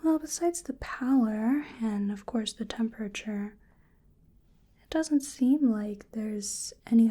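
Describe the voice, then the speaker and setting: This mid-range voice belongs to a woman doing ASMR as a medical examiner. She whispers breathily and softly, gentle and hesitant, murmuring to herself.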